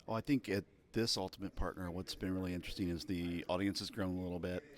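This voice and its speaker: A man being interviewed at a busy conference, explaining things in a measured way with business jargon. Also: low-pitched, little pitch movement. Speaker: interview guest, product marketing director.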